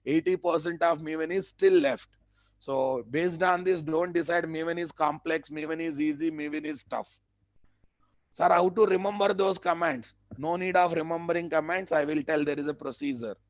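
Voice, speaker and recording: A man's voice: on the high side, steady tone, moderate pace, no room sound. A man with an Indian accent teaching a live technical class, repeating phrases and posing questions that he answers himself. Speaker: software training instructor.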